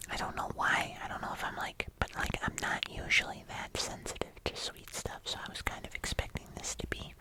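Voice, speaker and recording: Breathy whispering ASMR host. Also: rough recording. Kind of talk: whispered ASMR taste-test vlog.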